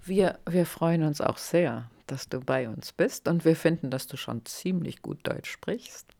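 A woman hosting a radio interview, asking questions in a calm, gentle way. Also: sits low, measured pace, gravelly, no echo.

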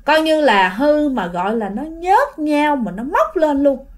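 Woman storyteller, Southern Vietnamese accent, chatty, high and lively voice, talks straight to listeners. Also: a little slow. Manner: chatty, addresses listeners directly. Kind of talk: casual ghost story narration.

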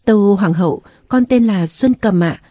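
A timid young palace maid , read by a woman narrator answers humbly and deferentially. Her voice is mellow and recorded close and dry. It is a storybook reading. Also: mid-range voice, moderate pace, dry recording, close to an everyday voice. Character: young servant girl, poor and timid.

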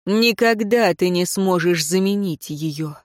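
A woman voicing a bitter imprisoned nobleman, speaking slowly and coldly with mockery. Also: on the low side, dry recording, clean studio sound. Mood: hushed grief. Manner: slow, cold, mocking.

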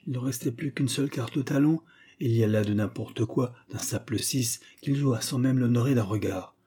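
A man reads a comic folk tale aloud in a mellow, husky voice. He narrates with care and bursts into raised, animated tones when the characters shout. The telling is lively and theatrical. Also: medium pitch, normal speed. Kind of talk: storybook reading with acted voices.

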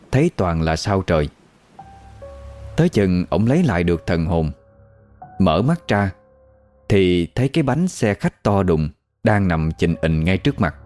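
A man's voice: low voice, a little mellow. A man with a Southern Vietnamese accent narrating a ghost story in a vivid, colloquial way.

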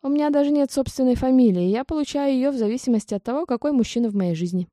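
A woman reading the lines of a flustered young heroine who chatters nervously, her voice a little higher than in narration. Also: lively intonation, fast talker, dark tone, no room sound.

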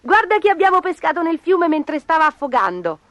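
Storybook children, shrill and eager, voiced by a woman, very high. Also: brisk, dry recording, exaggerated voice. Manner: shrill, excited. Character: excited group of young farm children. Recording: noisy background.

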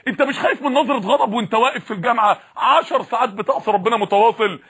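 A man's voice: extremely high pitch, rapid-fire, pushed and bright, husky. A man with an Egyptian accent preaching a sermon, fiery and full of repeated rhetorical questions.

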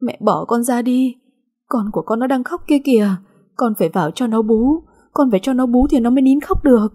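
A woman voicing a young mother frantic with grief, pleading in a shrill, tearful voice. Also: fairly quick, dark tone, husky. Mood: distraught.

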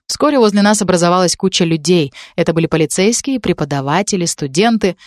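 A woman reading a first-person story aloud as narrator, in steady storytelling. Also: fairly low pitch, quick pace.

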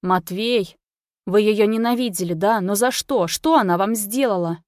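A woman voicing an agitated young man confronting his parents in a loud, accusing manner, in a read-aloud story. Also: medium pitch, moderate pace, no echo, studio quality, natural voice. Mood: shouting angrily. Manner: heated, accusing, often shouting.

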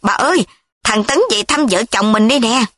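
A woman reading the lines of a loud, hearty elderly village uncle in a recorded story. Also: fairly high pitch, normal speed, no echo. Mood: astonished. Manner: loud, exclaiming.

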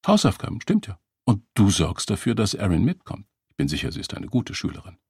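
A smug, controlling man who lectures his date in preachy, coldly reproachful tones, as a male narrator plays him. His voice is low and husky, and it ranges widely as he presses his point. It belongs to a spoken storybook reading. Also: huge pitch swings, fairly quick, a little mellow, dry recording, clean studio sound, heavily acted.

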